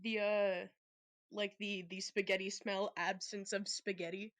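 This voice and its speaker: This player in a tabletop role-playing game is a woman with a medium-pitched, fairly bright voice and a level tone, talking a little slowly with no room sound. Her casual game chat is playful and teasing, and she laughs readily.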